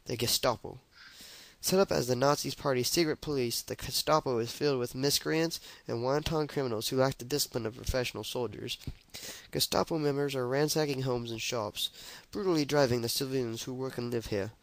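A man's voice: mid-range voice, fairly quick, creaky, no echo, natural voice. A young man voicing a French resistance woman, reading her mission briefing aloud in a mock French accent.

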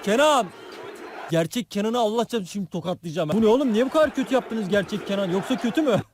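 A man giving excitable, profane gameplay commentary, shouting and repeating a name again and again. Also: high-pitched, fast talker, a little hiss or hum. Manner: excitable, swearing, chanting a name over and over. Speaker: gamer streamer. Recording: played-back video with loud music. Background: loud music.

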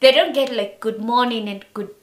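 A woman's voice: a little high, normal speed. A young woman with a Kenyan accent, giggly and drunk, chatting casually and rambling as she repeats her phrases. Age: young adult. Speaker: featured guest. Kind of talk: casual chat. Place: indoors, wood-panelled room. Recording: roomy echo, faint background noise.

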